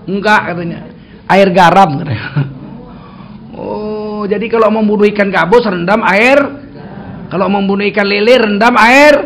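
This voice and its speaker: A man's voice: sits high, slight background noise. A man preaching a sermon in a mosque, telling stories and acting out dialogue. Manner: storytelling, acting out dialogue with lively shifts.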